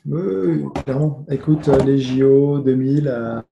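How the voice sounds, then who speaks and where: A man's voice: medium pitch, moderate pace, creaky, highs cut off, background noise. A man, a guest on a remote call, tells a story casually and with energy, swearing and restarting his sentences often. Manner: animated, swearing, many restarts. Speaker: guest, former tennis player. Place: home with noise nearby. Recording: roomy echo.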